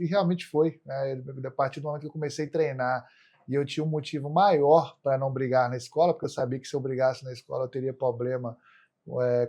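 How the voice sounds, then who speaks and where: A man's voice: medium pitch, darkish tone. Brazilian man casually telling his story. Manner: colloquial, frequent tag questions seeking agreement. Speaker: podcast guest, martial arts athlete.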